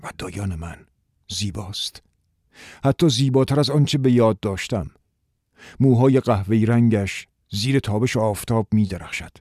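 A man narrating a first-person story in a wistful, measured audiobook style. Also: fairly low pitch, darkish tone, dry recording, studio quality.

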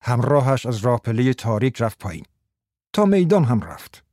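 A man narrating an audiobook in a calm, steady storytelling manner, close to the mic. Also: mid-range voice, no room sound.

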